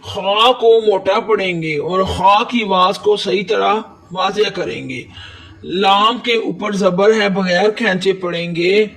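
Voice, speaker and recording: A man with a Pakistani Urdu accent teaches a step-by-step tajwid lesson, slowly and patiently spelling out and reciting words, drawing them out. His voice is high and a bit bright, picked up by a distant mic.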